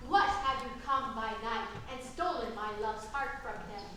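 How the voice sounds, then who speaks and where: Woman acting a high-voiced, fierce, jilted Hermia. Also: normal speed, bright, forceful tone. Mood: furious. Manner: theatrical, indignant, projected stage delivery. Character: small, fierce, jilted young Athenian woman. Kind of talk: staged reading of Shakespearean comedy. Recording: echoey room from far off, faint noise.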